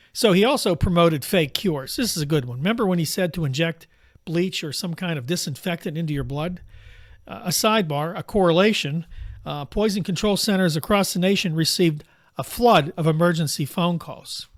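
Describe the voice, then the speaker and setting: A man's voice: fairly high pitch, dry recording, clean studio sound. A man giving a casual, sarcastic political monologue, wandering off topic and talking straight to his viewers. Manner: sarcastic, digressive, conversational. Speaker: political commentator.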